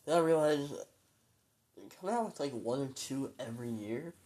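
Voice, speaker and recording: A tired young man in his late teens talks through a loose solo podcast into his phone. He stalls on ums, trails off into sighs and wanders from thought to thought, his voice sitting in an ordinary middle pitch. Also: expressive, moderate pace, mellow, a little hiss or hum. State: weary and low. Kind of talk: rambling casual monologue.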